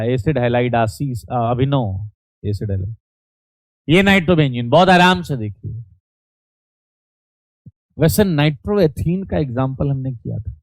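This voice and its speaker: A man's voice: mid-range voice, dry recording. A man teaching chemistry in an online class, teasing students playfully and calling out their chat answers.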